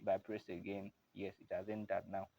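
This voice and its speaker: A man's voice: sits low, little pitch movement, fairly quick, gravelly, warm tone. A man giving a patient, casual step-by-step keyboard tutorial at his instrument. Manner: plain, patient, repeats "I believe you can hear".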